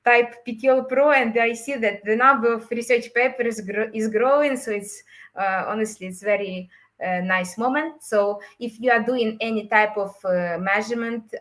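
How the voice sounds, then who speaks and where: Presenting her webinar, a woman speaks at a medium pitch with a fairly bright tone. Ukrainian and Russian are her native languages; as a course creator she comes across as hesitant, frequently pausing with fillers and starting over.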